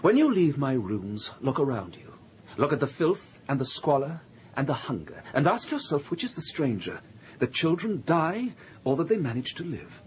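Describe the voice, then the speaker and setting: An actor playing a stern, earnest doctor of the poor. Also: male voice, fairly high pitch, very animated, moderate pace, a little hiss or hum. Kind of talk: radio drama.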